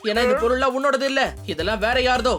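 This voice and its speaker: Give me a bossy young cartoon hero, rapid-fire and bright, who lectures the bad guy, with soft music behind. It's a dubbed kids' cartoon. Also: high-pitched. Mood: scolding. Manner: bossy and quick. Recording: music bed under voice.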